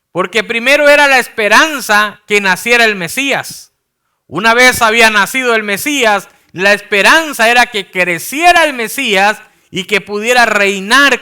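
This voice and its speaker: A pastor preaching a sermon in a church, calling the congregation brothers and asking them rhetorical questions. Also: male voice, high-pitched, bright, forceful tone, smooth.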